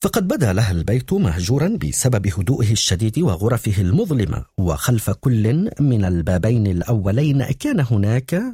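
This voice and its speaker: A man narrating a novel in a steady storytelling manner for an audiobook. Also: mid-range voice, slightly rough, no echo, clean studio sound. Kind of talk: scripted narration.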